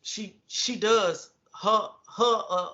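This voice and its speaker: A man co-hosting a podcast, speaking in a measured way, agreeing with the others and searching for the right words. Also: sits high, steady tone, pushed and bright. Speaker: podcast co-host. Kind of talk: casual podcast discussion. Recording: lo-fi muffled audio.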